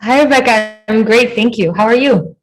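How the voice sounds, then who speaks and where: A woman's voice: fairly high pitch, moderate pace, poor audio. Belgian-accented woman on a video call. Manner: earnest, long rambling answers. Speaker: guest, new fashion designer. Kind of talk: casual interview chat.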